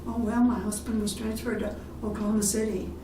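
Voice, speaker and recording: For an oral history recording, a retirement community resident from Texas, an older woman, recounts her life. Her medium-pitched voice shows little pitch movement and runs fairly quick, yet she speaks unhurriedly, with many fillers and restarts; the distant, roomy mic picks up background noise.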